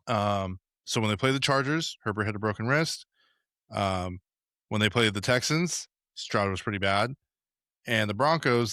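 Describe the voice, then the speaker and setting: Low-voiced bright young man, casual chat. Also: no room sound, studio quality. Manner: rambling, many fillers. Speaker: podcast host.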